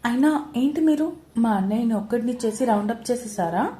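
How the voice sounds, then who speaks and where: A woman voicing Aparna, a calm, affectionate young mother who speaks in a gentle, placating, lightly joking way. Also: on the high side, a little fast, natural voice.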